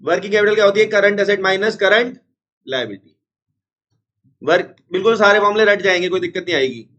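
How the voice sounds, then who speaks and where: Unwell male accounts teacher, high-pitched. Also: expressive, bright, forceful tone, dull audio. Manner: repeats formulas slowly, scolds chattering students. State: unwell, strained chest. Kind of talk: classroom lecture.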